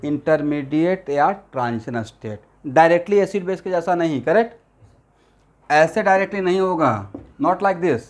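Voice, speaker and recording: A man's voice: a little high, lively intonation, normal speed. A male chemistry teacher lecturing a classroom in Hindi mixed with English terms, constantly checking that students follow. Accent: Assamese-influenced Hindi.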